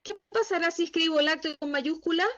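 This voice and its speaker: Woman, high pitch, patient online teacher, dull video-call sound. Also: a little fast, fairly bright tone, slight background noise. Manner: patient, asks the class checking questions. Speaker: Excel instructor.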